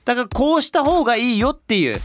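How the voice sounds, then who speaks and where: Animated British man chatting in Japanese. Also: extremely high pitch, quick pace, soft background music. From United Kingdom. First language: English. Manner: animated, laughs while explaining. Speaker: podcast co-host. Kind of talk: casual bilingual chat.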